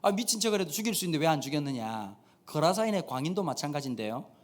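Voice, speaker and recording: A man's voice: fairly high pitch, fast. A man in his thirties preaching a humorous sermon in a church, telling stories and acting out the dialogue. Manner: animated storytelling, acts out dialogue. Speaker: pastor. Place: church sanctuary.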